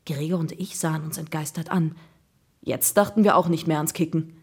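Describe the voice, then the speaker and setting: Woman narrator, low voice, gravelly, suspenseful audiobook reading. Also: fairly even intonation, moderate pace, darkish tone. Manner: suspenseful storytelling.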